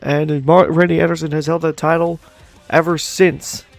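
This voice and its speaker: A man's voice: a little high, level tone, normal speed, gravelly, faint music behind. A man hosting and commentating a live online wrestling show, hyping upcoming events to the folks watching and chatting with his co-host. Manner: hype announcer tone, addresses folks, chatty with co-host.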